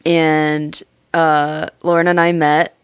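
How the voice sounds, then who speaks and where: A young woman from Pennsylvania, a guest in a casual interview chat, chatty and candid and quick to giggle. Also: sits low, little pitch movement, clean tone. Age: young adult.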